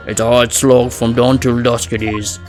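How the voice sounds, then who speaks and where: A man voicing a gruff, defensive labourer in a video game, blunt and weary in his talk. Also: medium pitch, little pitch movement, moderate pace, a little mellow, soft background music, lightly acted. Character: gruff, hard-up working-class male labourer, defensive family man.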